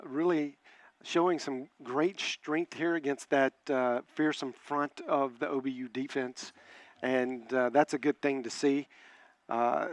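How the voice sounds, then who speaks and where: A man's voice: medium pitch, no echo. A man giving football color commentary in a broadcast booth, plain-spoken and hesitant, with many filler sounds.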